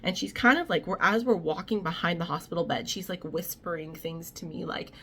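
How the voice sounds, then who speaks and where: A young woman talks straight to her audience about family matters. Her voice sits a little low but has a bright, forward edge, and she speaks casually, with plenty of fillers and restarts. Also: fairly quick, slight background noise. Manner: chatty, many fillers and restarts. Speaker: vlogger. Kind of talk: casual storytime.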